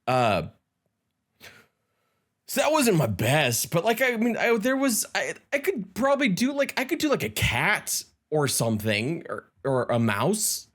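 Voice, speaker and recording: A man's voice: sits high, wildly swooping pitch, normal speed, hardly any pauses, fairly bright tone. A man hosting a casual gaming news video, enthusiastic with self-deprecating asides.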